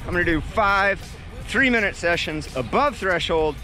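This man in his forties has a high, pushed, bright voice and speaks at a moderate pace with plenty of animation. He's a cycling vlogger casually joking about himself to the camera, first in his home kitchen and then riding a road bike outside. Sound comes from an action camera on the bike or held near him, with music beneath.

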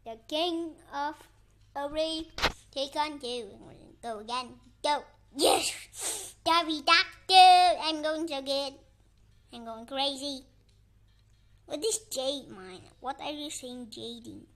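Excitable high-voiced woman gamer. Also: slow pace. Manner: excitable, chanting "go, go" and "boom". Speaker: gameplay streamer. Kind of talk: excited gameplay commentary.

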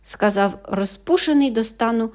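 A woman's voice: fairly high pitch, moderate pace. Woman reading a fairy tale aloud. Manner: expressive storyteller, lively sound words. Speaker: narrator.

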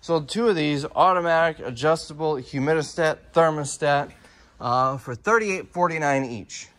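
A slightly high, somewhat bright male voice moves at a moderate pace. It belongs to a reseller vlogger in his thirties who rambles casually and thinks aloud into a phone at arm's length in a large indoor warehouse and storage room.

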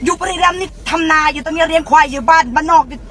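A woman's voice: very high voice, very fast, a bit bright. A woman voicing a naive, chatty rural woman with a Khmer accent, repeating herself and playing confused on a prank phone conversation. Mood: protesting. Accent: Khmer-accented Thai. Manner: repetitive, rambling, playing confused.

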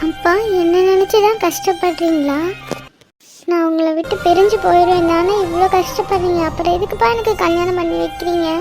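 A woman's voice: very high voice, fairly even intonation, fairly quick, music in the background. A woman voicing a tender, affectionate young daughter in a cartoon, talking in a pleading way. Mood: tearful. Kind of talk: cartoon voice acting.

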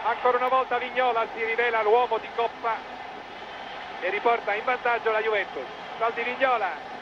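A man's voice: very high voice, level tone, fairly quick, dull audio, background noise. An Italian man giving live football match commentary in clipped phrases, rising with the play, on an old television broadcast.

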